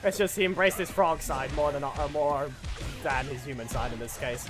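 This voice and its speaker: With music behind him, this gaming channel host speaks at a moderate pace in a slightly high voice, casually commentating live on a fighting game. He gets excitable, shouting out moves and mocking his opponents.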